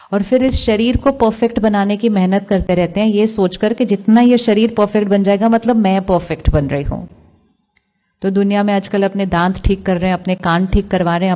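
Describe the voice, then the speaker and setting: A woman's voice: medium pitch, mellow. An Indian woman giving a spiritual talk to a live audience, asking them questions and mixing English phrases into her speech. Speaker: spiritual speaker.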